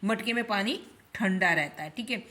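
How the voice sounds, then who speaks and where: A woman teaching English grammar, slowly repeating each example sentence and explaining it. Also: mid-range voice, sharp tone.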